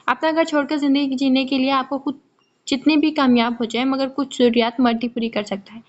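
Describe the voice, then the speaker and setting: Give me a woman doing a gently persuasive young daughter-in-law, dull lo-fi audio. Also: sits high, fairly even intonation, close to an everyday voice. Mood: pleading. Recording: muffled lo-fi recording.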